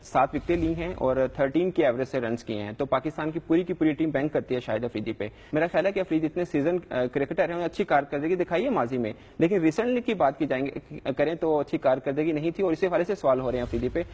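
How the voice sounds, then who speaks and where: A man's voice: fairly high pitch, animated, hardly any pauses, a little mellow, slightly rough, big-room sound. A young adult man, a sports reporter, answering questions in a live news interview in an earnest, defensive way with frequent hesitations.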